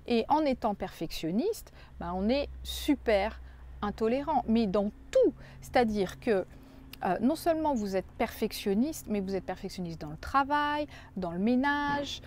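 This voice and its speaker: A woman coach speaking directly to viewers in a gentle, reassuring way, often repeating phrases for emphasis. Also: medium pitch, slight background noise. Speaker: personal development coach. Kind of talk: coaching video addressed to viewers.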